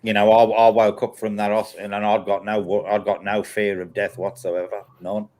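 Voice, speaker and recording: Low-voiced man telling a personal story. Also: flat delivery, moderate pace, a little mellow. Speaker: host of a paranormal live chat. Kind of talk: casual chat, telling a personal anecdote.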